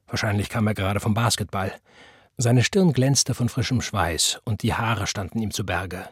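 A man reading a literary novel aloud as narrator, in a measured, even storytelling manner. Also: lowish voice, breathy edge, dry recording. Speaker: audiobook narrator. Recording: dry close studio recording.

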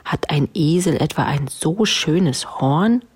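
A haughty storybook unicorn that answers no to everything, voiced by a woman reading aloud. The voice stays low and husky, slow and put out, with a huffy, superior edge. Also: animated, a little mellow, heavily acted. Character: haughty, contrary unicorn who always says no.

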